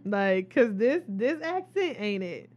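A woman's voice: mid-range voice, big pitch swings, slow pace, darkish tone, dull audio. A woman co-hosting a casual chat, speaking in in a blunt, playful way with frequent laughter. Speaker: podcast co-host.

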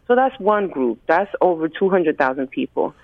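A woman from the United States, speaking as an activist guest in a phone interview, has a low, very animated voice at normal speed. She explains things earnestly and methodically, laying out points in groups, over a tinny phone line with no room sound.

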